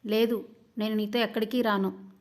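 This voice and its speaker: A nervous young bride who stands her ground, her fairly high voice tense and earnest, as a woman reads her. It sounds like a storybook audio serial. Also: flat delivery, normal speed, natural voice. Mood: defiant.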